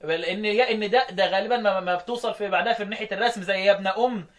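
Fast-talking Egyptian teacher, high voice. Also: male voice, steady tone, fairly bright tone. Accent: Egyptian Arabic. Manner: questions students often and chants verses slowly. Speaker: Quran recitation teacher. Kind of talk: explaining recitation rules in a lesson.

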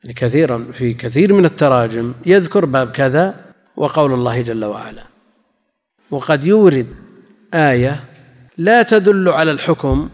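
A man giving a classical religious lesson, measured and explanatory, often repeating key phrases for his listeners. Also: fairly high pitch. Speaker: Islamic scholar teaching hadith commentary. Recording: long reverb in a large hall.

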